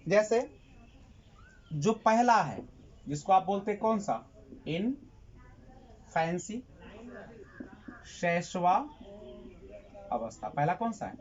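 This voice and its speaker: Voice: mid-range voice, animated, takes it slowly, long pauses, lo-fi sound. A teacher giving a classroom lecture who asks the class questions, answers them himself and repeats key terms.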